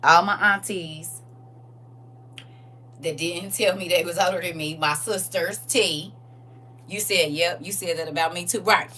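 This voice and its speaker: A woman in her forties hosting a casual livestream, animated and teasing as she reads viewer comments aloud. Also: on the low side, measured pace, pauses often, breathy edge, far from the mic.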